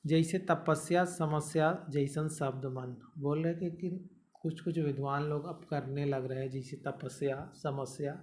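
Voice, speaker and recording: Casting note: young male tutor, slightly high voice, patient step-by-step explaining. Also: fairly even intonation, unhurried, darkish tone, slight background noise. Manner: explains step by step, repeating and checking "ठीक है". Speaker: teacher. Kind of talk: exam-prep grammar lesson.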